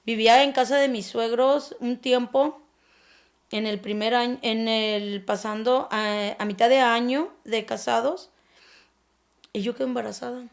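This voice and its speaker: A woman with a Mexican accent recounting her own story as an anonymous podcast guest, halting and often trailing off softly while she searches for words. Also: a little high, steady tone. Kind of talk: personal testimony on a podcast.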